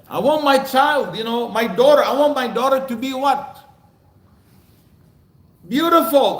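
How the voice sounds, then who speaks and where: An older man speaking to a mosque congregation, animated and quizzing the audience with repeated questions. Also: very high voice. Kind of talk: lecture to a congregation. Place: mosque hall. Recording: echoey hall recording.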